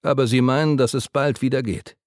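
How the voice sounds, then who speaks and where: Ein Mann spricht einen sanften, gesprächigen Pfleger. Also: male voice, mid-range voice, steady tone, a little fast, a little mellow, no room sound, studio quality, pitched above the performer's own voice, lightly acted. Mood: soothing. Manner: soothing, patient, overly talkative. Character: gentle, chatty man caring for a patient.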